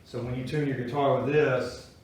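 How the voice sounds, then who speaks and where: Recorded far from the mic in an echoey workshop with a little hiss or hum, a man teaches guitar-making to a small group of students. His medium-pitched voice has fairly even intonation at a moderate pace, and his explanations are folksy and chatty.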